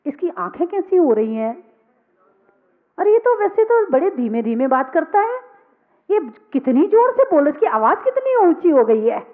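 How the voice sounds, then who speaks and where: High-pitched woman preaching over a tinny line. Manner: questions the listeners and answers herself, repeats key words. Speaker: Jain nun preacher. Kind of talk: sermon. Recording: tinny phone-like sound.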